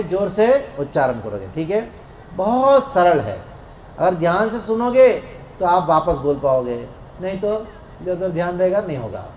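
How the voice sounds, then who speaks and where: A man preaching a devotional discourse to a congregation in a temple hall, playful and lively, leading the crowd in call-and-response chanting. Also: sits high. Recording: echoey hall with faint noise.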